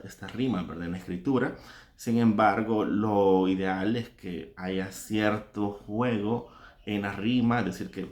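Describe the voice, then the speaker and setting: Low-voiced man musing on songwriting. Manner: reflective, explaining step by step. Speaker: songwriter and singer. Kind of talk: casual spoken reflection on songwriting. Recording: echoey room.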